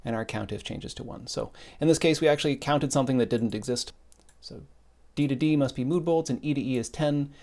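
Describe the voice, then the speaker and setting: A man explains a spreadsheet lesson step by step in a calm, methodical voice. His pitch sits in the middle of the range. Keyboard typing comes and goes behind him as he works. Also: fairly quick. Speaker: instructor. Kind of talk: screen-recorded spreadsheet tutorial.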